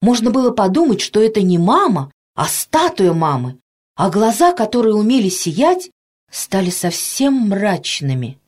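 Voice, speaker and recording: A woman reading a children's story aloud, in an expressive way that rises with the emotion of the scene. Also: mid-range voice, unhurried, husky.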